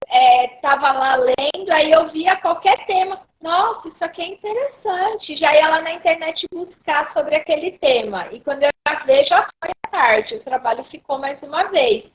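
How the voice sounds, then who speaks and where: A woman's voice: high-pitched, moderate pace, phone-quality sound. A woman giving advice over a video call whose audio keeps cutting out and breaking up. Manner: conversational, explains with everyday examples. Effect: choppy, cutting-out online call audio. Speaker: co-host giving tips. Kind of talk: casual live-stream advice talk.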